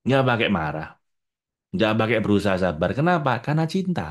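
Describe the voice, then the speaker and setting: A man delivers a sermon in a low voice. His pitch leaps and dips, and he moves between loud bursts and near-hushed asides. He keeps speaking directly to the people in front of him. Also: fast. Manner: animated, addresses listeners as Bu and Pak, jumps from loud to hushed. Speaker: preacher. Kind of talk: religious talk to an audience.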